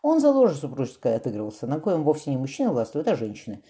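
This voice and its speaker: A woman's voice: rumbling low, huge pitch swings, fast talker, mellow, heavily acted. A woman voicing a bold, frank young noblewoman with a teasing manner in an audiobook.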